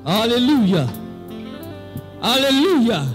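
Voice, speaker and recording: A high-voiced male pastor bellows slow, stretched-out calls to praise. His shouting carries from a distance over steady instrumental music. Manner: shouting, slow and drawn-out exhortations. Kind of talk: revival preaching.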